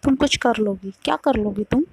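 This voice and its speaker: A woman's voice: on the high side, a little fast, creaky, husky, no room sound, exaggerated voice. A woman voicing a possessive, volatile young woman who insists on answers in a storytime love drama. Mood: demanding.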